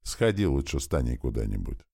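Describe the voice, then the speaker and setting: A man doing a calm soft-voiced older workmate. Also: very deep voice, a little fast, gravelly, breathy edge, pitched below the performer's own voice, heavily acted. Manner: calm, even-tempered.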